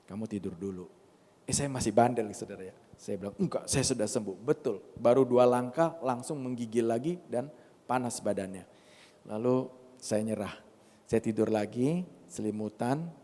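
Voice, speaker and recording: A man preaching a sermon, telling personal testimony in an animated way and often turning to address the congregation directly. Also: mid-range voice. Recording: long hall reverb.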